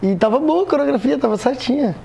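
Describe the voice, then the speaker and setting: Hoarse young man telling stories. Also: extremely high pitch, fast talker. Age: 20s. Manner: animated, laughs while telling stories. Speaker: guest, photographer. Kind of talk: casual podcast storytelling.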